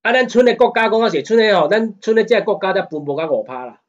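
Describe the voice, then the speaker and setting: Speaking fast in a high, expressive voice over lo-fi audio, a Taiwanese-accented man lectures casually on law, blending Taiwanese Hokkien with Mandarin. He keeps checking "you know what I mean?" and turns heated and forceful as he argues his case.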